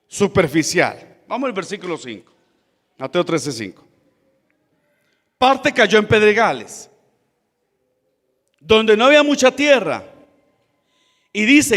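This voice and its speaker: A man with a high voice preaches a sermon and explains the scripture in plain terms, speaking to his listeners as brothers. His words ring out with a long reverb, as in a church hall. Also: a bit bright.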